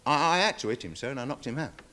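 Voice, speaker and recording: An actor playing a nervous, deferential security guard testifying in a 1970s television courtroom drama, rambling with many fillers. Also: male voice, medium pitch, big pitch swings, quick pace, sharp tone. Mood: worried, defensive. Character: nervous security guard witness, dog handler. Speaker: witness in court.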